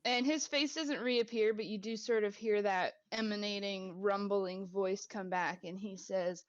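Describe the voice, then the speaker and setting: A woman narrating a tabletop game as game master, relaxed and hesitant. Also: medium pitch, unhurried, no room sound. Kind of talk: running a tabletop game over a call. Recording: dull dry home mic.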